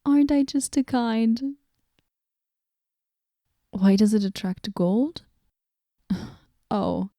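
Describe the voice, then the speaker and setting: This is a moody goddess voiced by a woman in a whispered role-play. She speaks slowly in a dark, mellow tone, deadpan and sarcastic, slipping into soft whispers. The sound is close and dry, with no room around it. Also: on the high side, dry recording. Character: moody, aloof female goddess, sardonic.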